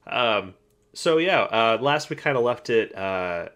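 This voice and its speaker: A man's voice: medium pitch, animated, slow, fairly bright tone. A man co-hosting a casual podcast, rambling and laughing often with plenty of fillers and restarts. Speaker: podcast co-host. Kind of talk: casual chat.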